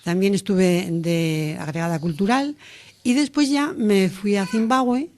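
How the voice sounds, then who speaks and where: A woman's voice: mid-range voice, a little slow, a little mellow. A woman in her sixties, a former diplomat, recalling her postings in a chatty, rambling way. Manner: chatty, rambling recollection with restarts. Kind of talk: interview answers.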